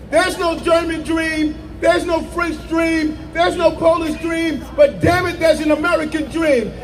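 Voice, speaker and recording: Man, very high-pitched, fervent speech, frequent shouting, light background noise. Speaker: mayor giving a speech. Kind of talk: impassioned public speech.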